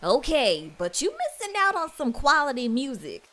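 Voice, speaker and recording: A woman voicing a brash, carefree young female camp counselor in an animated parody, sassy and casual. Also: sits high, moderate pace, heavily acted. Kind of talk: amateur animated parody voice acting. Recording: music behind the voice.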